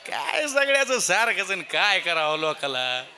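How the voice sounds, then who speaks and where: Kirtan preacher, man, rural Marathi accent, very bright, lively comic storyteller. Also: high voice, measured pace, slight background noise. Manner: comic storytelling, acting out voices. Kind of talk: humorous devotional sermon. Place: temple festival stage.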